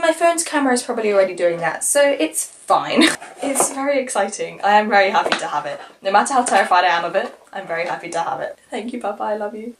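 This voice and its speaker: A teenage girl chatting excitedly through a casual haul vlog, gushing over her presents. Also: mid-range voice. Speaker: vlogger.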